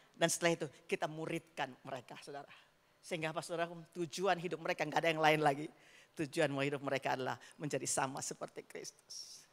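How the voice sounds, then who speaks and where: A middle-aged woman preaching a sermon with personal stories, telling them in a lively way and often calling out to the congregation. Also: high voice. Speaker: evangelist preacher. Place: church sanctuary. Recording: long reverb of a church hall.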